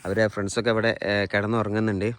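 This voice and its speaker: A travel vlogger with a fairly low voice and a Malayali accent narrates as he shows viewers around various places. He talks casually in Malayalam sprinkled with English words, speaking in a rapid-fire way with little pitch movement.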